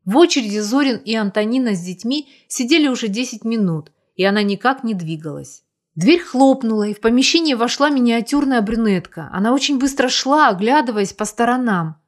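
A woman reading a story aloud as narrator, in steady, even storytelling. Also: fairly high pitch, a little fast. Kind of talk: scripted audiobook narration.

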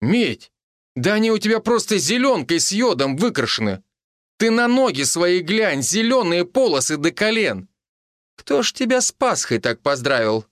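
A man voicing a sharp-tongued woman, a village healer, who mocks and scolds in a brisk manner. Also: sits high, very animated, no echo, studio quality, voice pushed up. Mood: scolding.

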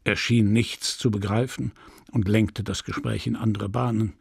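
A man reading a literary novel aloud as an audiobook, measured and expressive. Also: lowish voice, dry recording, clean studio sound. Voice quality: gravelly, husky. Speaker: audiobook reader.

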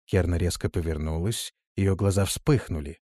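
Guy reading a fantasy audiobook, lowish voice, dry close sound. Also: steady tone, moderate pace, mellow, no room sound. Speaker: audiobook narrator. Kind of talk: scripted narration.

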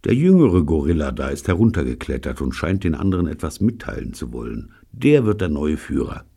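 A man's voice: rumbling low, very animated, fairly quick, creaky, mellow, breathy edge, full character voice. A man reading aloud, voicing an uneasy, anxious young pupil.

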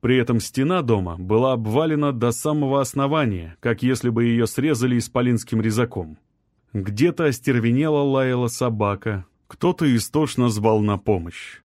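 A man narrating a story in a steady, tense storytelling delivery. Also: medium pitch, normal speed, no room sound, studio quality. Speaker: audiobook narrator. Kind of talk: scripted narration.

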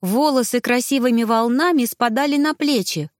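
A woman reading a first-person fantasy novel aloud, expressive storytelling. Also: fairly high pitch, normal speed, no echo, studio quality. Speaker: narrator. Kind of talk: first-person audiobook narration.

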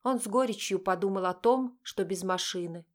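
A woman narrating an audiobook in a measured, even storytelling manner. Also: medium pitch.

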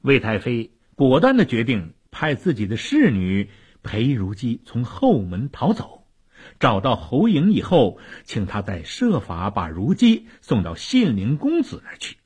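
A man telling a historical tale dramatically, swinging from loud declaiming to hushed low asides. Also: wildly swooping pitch, a little slow, slightly rough. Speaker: storyteller.

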